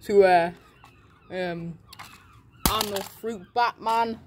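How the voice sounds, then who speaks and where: Holding a phone close while breaking a toy on the pavement by a brick wall, this amateur creator keeps up loose, foul-mouthed, jokey commentary. The voice is mid-range and steady, words stretched out, with background noise audible.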